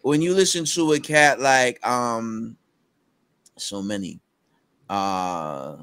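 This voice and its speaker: Over a video-call headset with a clean tone, a middle-aged male rapper chats as a guest in a casual interview. His voice sits fairly high, and he talks animatedly, peppering his speech with fillers and firing off rap lyrics in sudden bursts.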